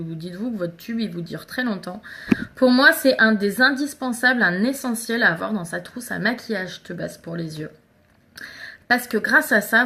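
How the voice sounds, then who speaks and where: A woman selling makeup on a live stream chats casually through a tutorial, talking straight to her viewers and greeting commenters. Her voice is a little high, pushed and bright.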